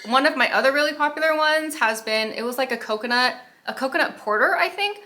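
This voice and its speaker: A woman's voice: high voice, fast talker, sharp tone. A middle-aged woman talking casually to camera in her home kitchen as a baking vlogger, chatty and self-deprecating with rambling asides.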